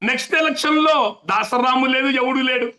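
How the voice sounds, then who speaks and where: A man with a very high, piercing voice argues his case in a heated interview. He is impassioned and emphatic and hammers home his points by repeating them. His tone is sharp and forceful. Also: moderate pace. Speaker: interview guest, political activist.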